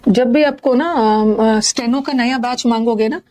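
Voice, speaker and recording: A woman's voice: a little high, measured pace, darkish tone. Indian woman teaching vocabulary in a live class. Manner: explains each word with jokes and Hindi memory tricks.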